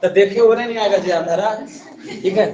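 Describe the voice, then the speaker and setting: A man's voice: sits high, a little fast, dull audio, a crowd in the background. A male grammar teacher, teaching a class and drilling rules by asking his students to repeat. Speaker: Hindi and Sanskrit grammar teacher. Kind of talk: classroom lesson. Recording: echoey classroom from far off.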